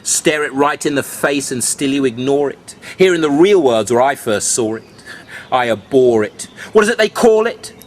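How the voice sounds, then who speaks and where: A man performing rhyming beat poetry in a cool beatnik manner, with dramatic, drawn-out phrasing, speaking to the listener like a conspiratorial mentor. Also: mid-range voice, animated, slight background noise. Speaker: spoken-word poet.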